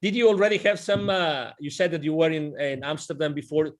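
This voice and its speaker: A man's voice: on the high side, fairly even intonation, brisk. Rambling, enthusiastic male co-host. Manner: rambling, repeats words, enthusiastic. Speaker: podcast co-host. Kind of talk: casual interview.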